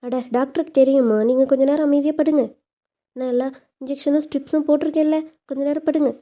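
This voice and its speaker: A child putting on a lower voice to play a stern nurse who orders visitors out of the ward. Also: fairly even intonation, quick pace, mellow, close to an everyday voice. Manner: stern, commanding.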